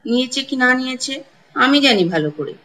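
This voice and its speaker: A woman's voice: high voice, animated, moderate pace, bright, forceful tone, a little hiss or hum, voice pushed up, low-quality recording. A woman voicing a harsh, bullying older village woman who scolds and threatens a girl in a storybook reading. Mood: furious.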